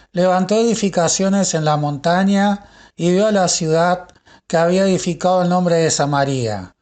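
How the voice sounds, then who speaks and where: Male audiobook scripture narrator, high-pitched for a man, unhurried pace, solemn and measured delivery. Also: darkish tone.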